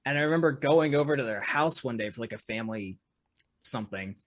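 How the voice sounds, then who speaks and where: A man guesting on a podcast as a musician, talking in a relaxed, easygoing way and laughing often. His pitch is middling and his quieter phrases tend to trail off. The sound is dry and close to the mic. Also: fast talker, dry recording. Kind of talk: casual chat.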